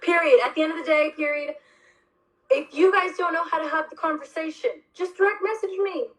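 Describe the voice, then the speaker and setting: A young woman hosting a casual chat, telling a story in an animated, emphatic and heavily profane way. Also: very high-pitched, a little fast, poor audio. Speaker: host.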